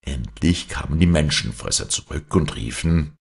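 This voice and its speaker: A man narrating a fairy tale for an audiobook with an expressive, swinging delivery. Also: very deep voice, normal speed, gravelly, breathy edge. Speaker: storyteller.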